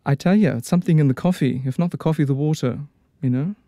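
A man's voice: on the high side, fast, warm tone, no room sound, studio quality. A man, an opera tenor chatting as a guest in a casual radio interview, full of fillers and restarts. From New Zealand.

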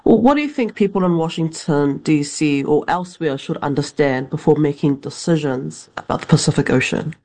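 Interviewer from Samoa, mid-pitched voice, curious and polite. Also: normal speed, few pauses, darkish tone. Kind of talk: interview questions.

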